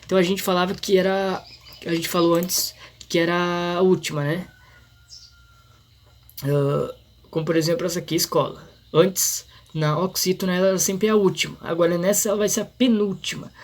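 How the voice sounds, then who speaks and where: A man explaining a grammar lesson in an informal, halting way, full of restarts and fillers. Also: high-pitched, little pitch movement. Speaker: teacher.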